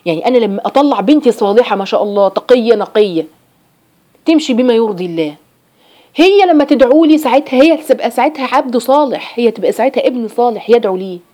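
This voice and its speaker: A woman's voice: on the high side, animated, quick pace, dark tone. A middle-aged woman with an Egyptian Arabic accent, a Quran teacher giving an emphatic religious talk to women and repeating phrases for stress.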